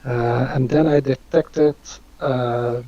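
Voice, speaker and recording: A man's voice: medium pitch, fairly even intonation, slow pace, warm tone. A man, hosting a live Q&A on a video call, talking hesitantly with many fillers. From Netherlands. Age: 50s. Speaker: host. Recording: dull lo-fi audio.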